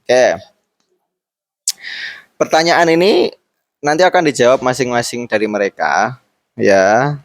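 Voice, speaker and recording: A man's voice: mid-range voice, slow pace, long pauses, no echo. Young male host from Boyolali, playful schoolboy banter, dry close sound. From Boyolali, Central Java. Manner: playful, jokey, mixes in Javanese words. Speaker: host interviewing classmates. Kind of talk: casual school interview chat.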